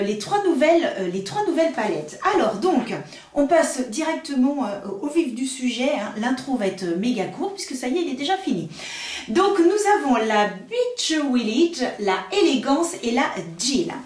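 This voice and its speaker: A woman presenting a casual makeup tutorial, chatty and hesitant, often pausing on fillers and correcting herself. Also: high-pitched, darkish tone, reverberant. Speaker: beauty vlogger.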